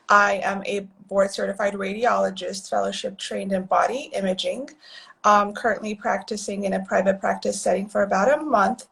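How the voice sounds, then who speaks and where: Woman from Ethiopia, 30s, easygoing guest, mid-pitched, gravelly fry. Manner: easygoing, lightly hesitant. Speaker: guest, radiologist. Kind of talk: casual live-stream chat.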